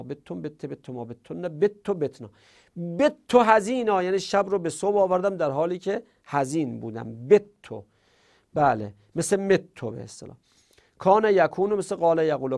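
A middle-aged man teaching Arabic grammar in a classroom lesson, drilling verb conjugations and trailing off quietly at the ends of lines. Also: on the high side, vocal fry.

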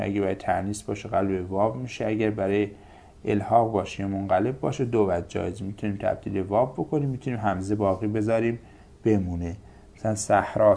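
A man's voice: on the low side, mellow. A man teaching a grammar lesson, listing example words in careful paired recitation. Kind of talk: Arabic grammar lecture.

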